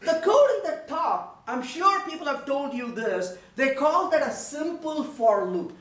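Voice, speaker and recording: A man's voice: very high voice, very animated, a little slow, fairly bright tone. A man giving a live technical talk, joking with the audience and acting out little voices while he codes. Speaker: conference speaker. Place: lecture room with audience. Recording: echoey room from a distance.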